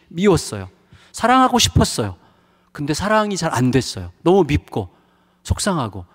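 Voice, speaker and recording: A middle-aged man preaching a revival sermon, telling a personal story in a frank, emotional way with frequent hesitations. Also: fairly high pitch. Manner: confessional, emotional storytelling with many fillers. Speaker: pastor. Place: church sanctuary. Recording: reverberant church hall.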